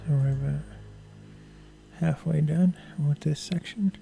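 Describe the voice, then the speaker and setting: A man giving casual, low-key live-stream commentary as he works on photos, unhurried, with music behind him. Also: fairly even intonation, gravelly, warm tone, low-quality recording.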